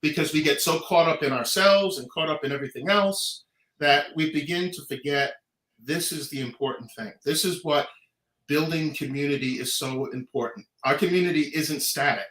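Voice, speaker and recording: A middle-aged American man with a bright, fairly high voice speaks casually and earnestly. He is emphatic, repeating phrases for stress, and the sound is roomy and echoing. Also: moderate pace. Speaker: Pride organizer and guest. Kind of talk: animated casual talk, earnest community advocacy.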